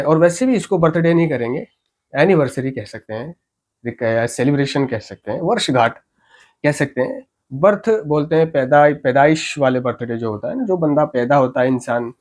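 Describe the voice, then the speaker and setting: A man with a somewhat high voice gives an earnest, explanatory talk on addiction recovery. He speaks informally and keeps checking in with his listeners through short tag questions. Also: a little mellow.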